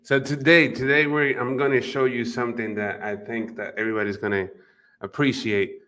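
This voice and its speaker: A man's voice: mid-range voice, level tone, moderate pace, sharp tone. A man with a Spanish accent hosting a live marketing webinar from his office, chatting with viewers by name with plenty of fillers. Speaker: livestream host and marketing coach. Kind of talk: live webinar, casual chat. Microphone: desk microphone at computer.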